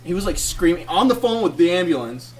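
A man's voice: high-pitched, a little fast, recorded from a distance, heavy background noise. A man co-hosting a podcast, telling a story casually and laughing through it. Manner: animated, laughs through his own story. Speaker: podcast co-host.

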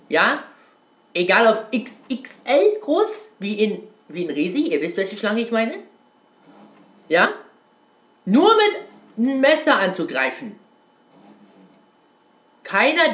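A man's voice: sits high, fairly bright tone. Rambling man in a roomy echo. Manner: rambling, keeps calling viewers "Kunstfreunde", swears casually. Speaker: gaming video host. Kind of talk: casual video reply on a video game.

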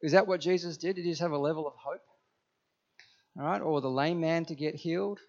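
A man's voice: on the high side, fairly quick, lo-fi sound. A man preaching a sermon to a congregation in church, emphatic and often asking the listeners questions. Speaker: pastor.

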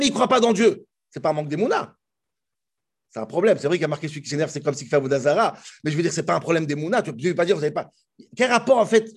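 A man teaching a Torah class, explaining the commentaries in a lively way that often restarts and jumps in pitch. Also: slightly rough.

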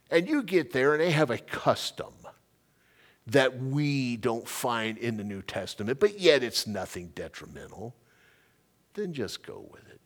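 A middle-aged pastor preaching a sermon in an emphatic, conversational way. His pitch rises and falls with lively swings. He often doubles back to repeat a line for weight.

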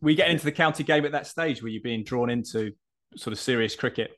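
A male interviewer talks quickly and asks long, winding questions, often restarting partway through. His pitch sits in the middle range. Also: a bit bright.

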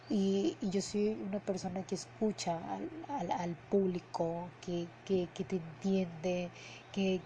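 Earnest woman podcast host, mellow voice. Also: mid-range voice, slight background noise, poor audio. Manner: earnest, heartfelt, repeats words for emphasis; tags sentences with a questioning "no?". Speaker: podcast host and emotional coach. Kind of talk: casual spoken podcast monologue. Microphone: headphones and podcast mic.

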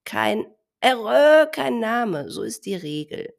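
A woman's voice: fairly high pitch, very animated, slow, vocal fry, voice pushed up, full character voice. A woman voicing a timid young male elephant calf who talks shyly and sulkily, dodging words with a T. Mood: sulky. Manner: shy, sulky, avoids words with T.

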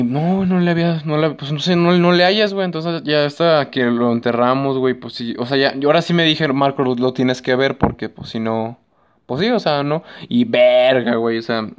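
A young man with a Mexican accent recounting a sad memory in casual chat, halting and slangy, dropping "güey" constantly. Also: medium pitch, clear, resonant tone.

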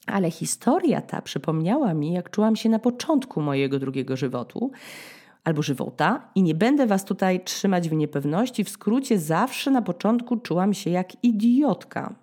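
A woman in her thirties from Poland hosting a podcast, telling a story in a dramatic, ironic way, with sudden high-pitched bursts as she acts out scenes. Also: sing-song, normal speed, dark tone. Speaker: podcast host. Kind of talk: storytelling monologue.

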